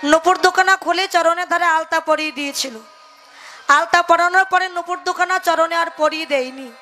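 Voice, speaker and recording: A woman's voice: extremely high pitch, fairly even intonation, moderate pace, bright, forceful tone, faint music behind. A young woman performing devotional kirtan storytelling, preaching and acting out her characters' lines. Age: young adult.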